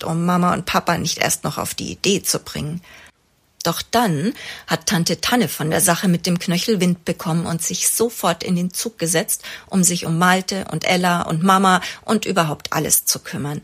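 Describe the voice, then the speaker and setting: Husky-voiced woman, expressive storybook reader. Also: on the low side. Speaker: children's author reading her story. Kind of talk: storybook read-aloud.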